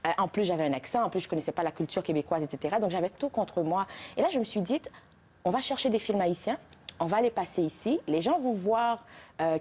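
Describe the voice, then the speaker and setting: Mellow-voiced Haitian woman, TV interview. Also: medium pitch, husky. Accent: Haitian French. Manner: earnest, fluent with frequent restarts and fillers. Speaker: interview guest, entrepreneur. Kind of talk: TV interview answers.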